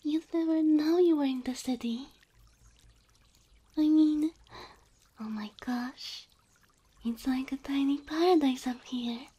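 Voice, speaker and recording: This woman from a Slavic country voices a sweet cow girl girlfriend for ASMR, her tone high, mellow and airy, frequently sinking to a whisper. Unhurried and loving, she speaks with easy wonder, clearly amazed and delighted.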